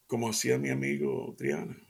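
A man's voice: mid-range voice, level tone, brisk, gravelly, breathy edge. An older man hosting a radio devotional, talking in an earnest, folksy way with many hesitant fillers.

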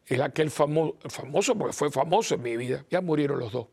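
An older man, a priest, preaching in a lively, chatty way and acting out the people in his stories. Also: on the high side, fairly quick, creaky, breathy edge. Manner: lively, animated, acts out voices in anecdotes. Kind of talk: conversational sermon with storytelling.

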